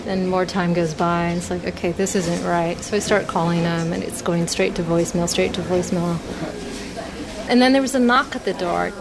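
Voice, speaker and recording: A woman's voice: fairly low pitch, fairly quick, a crowd in the background. Earnest woman telling a personal story. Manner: earnest, animated, acts out quoted dialogue. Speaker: storyteller guest. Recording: noisy background.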